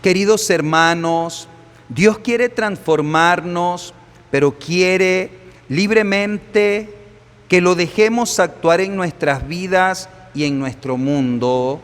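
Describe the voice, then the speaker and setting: Slow, solemn priest in a reverberant church. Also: male voice, high voice, smooth. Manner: solemn, measured, deliberate phrasing. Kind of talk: sermon and liturgical prayer. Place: large echoing church. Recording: long reverberant church echo.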